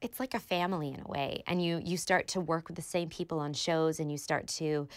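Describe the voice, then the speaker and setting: A woman voice actor speaking warmly and enthusiastically in an interview. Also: low-pitched, steady tone, brisk, no room sound, studio quality.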